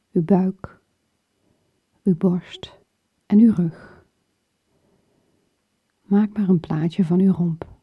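A woman guiding a muscle relaxation exercise in short, soothing phrases, her soft breathy voice often falling toward a whisper. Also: fairly low pitch. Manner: slow, soothing, with pauses between short phrases. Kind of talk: guided muscle relaxation instruction. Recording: dull lo-fi recording with room echo.

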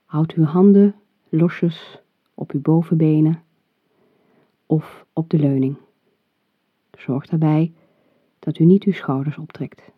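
Breathy, very slow relaxation guide, phone-like sound. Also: medium pitch. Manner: calm, soothing, measured instruction. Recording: muffled phone-like audio, roomy echo.

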